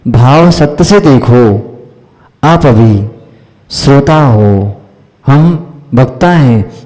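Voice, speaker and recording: Slow, higher-voiced man teaching in a reverberant hall. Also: warm tone. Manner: quizzes listeners with questions and repeated "isn't it?" checks. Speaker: Jain monk teaching a class. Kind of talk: religious teaching discourse.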